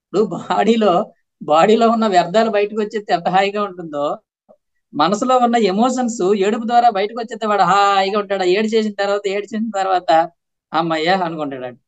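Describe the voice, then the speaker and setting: A man's voice: high voice, fast. A man with a Telugu accent, a spiritual teacher giving a casual talk that answers questions and acts out quoted voices.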